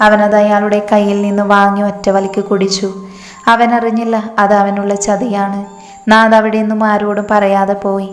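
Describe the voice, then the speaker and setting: A woman storyteller narrating a romance story with a steady, even reading. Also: medium pitch, normal speed. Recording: echoey room with long reverb, faint music.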